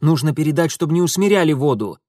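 A man's voice: fairly high pitch, expressive, quick pace, darkish tone, no echo, studio quality. A man voicing a brusque young man who gives curt, impatient orders in an audiobook. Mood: commanding. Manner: curt, commanding. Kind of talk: audiobook character voice.

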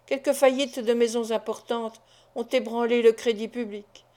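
A woman's voice: on the high side, fairly even intonation, moderate pace, warm tone, lightly acted. A woman reading the lines of a wary, formal male banker in an audiobook.

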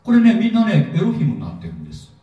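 A man teaching a sermon-style Bible seminar, lively and jokey, often asking his audience questions, recorded in a hall. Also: high voice, fast talker, lo-fi sound. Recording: echoey hall, mic at a distance.

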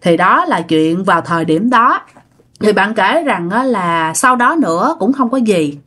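In a casual ghost-story narration, a woman with a medium-pitched, fairly bright voice speaks a little slowly yet with animation. She keeps it chatty, speaking straight to her listeners.

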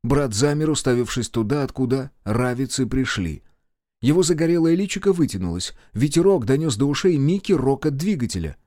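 A man narrating a horror audiobook in a dramatic, expressive way. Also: medium pitch, fairly quick, no room sound, clean studio sound. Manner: dramatic, acts out characters.

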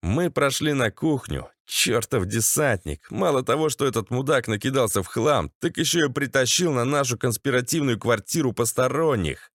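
A man's voice: medium pitch, expressive, moderate pace, few pauses, fairly bright tone, dry recording, clean studio sound. A man narrating a gritty first-person audiobook in a tense, sardonic manner.

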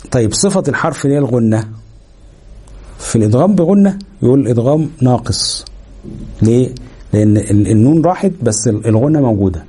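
A man with an Egyptian Arabic accent is teaching a Quran recitation lesson, explaining the rules and slowing down to demonstrate sounds while drawing out the nasal hum. His voice is mid-range and dark, with a breathy edge.

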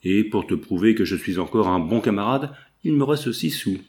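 A man's voice: lowish voice, expressive, moderate pace, a little mellow, natural voice. A man voicing a sly, scheming male friend in an audiobook, speaking in an insinuating, mock-sympathetic way. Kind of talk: audiobook dialogue reading.

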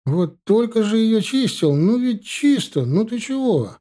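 A man's voice: high voice, big pitch swings, a little slow, dark tone, pitched above the performer's own voice, heavily acted. A man voicing a flustered young dragoon who protests in a plaintive, whining tone. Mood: baffled.

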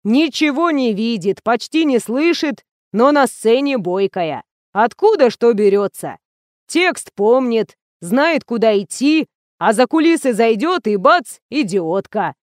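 A gruff old theatre watchman raising his voice, played by a woman reading aloud. He sounds exasperated and loud. The recording is dry and close. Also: fairly high pitch, expressive, measured pace, dry recording. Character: gruff elderly male theatre watchman, shouting.

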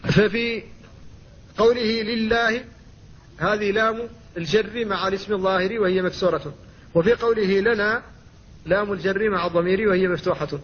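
Mauritanian sheikh teaching tajweed, slow careful examples, husky voice, muffled old recording. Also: male voice, high voice, fairly bright tone. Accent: Mauritanian Arabic. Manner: slow, deliberate demonstrations of pronunciation. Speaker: Islamic scholar teaching Quran recitation. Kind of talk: explanatory lesson on tajweed.

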